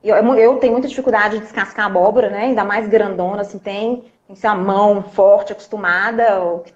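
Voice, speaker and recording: A woman coach, telling a story in a lively chat and acting out the dialogue. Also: medium pitch, fairly quick. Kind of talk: live-stream conversation, storytelling. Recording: dull lo-fi live-stream audio.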